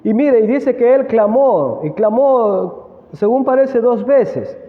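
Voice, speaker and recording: Male preacher, very high voice, sermon, questioning, echoey hall, tinny phone-like sound. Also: animated. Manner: asks the congregation questions, slow emphatic reading.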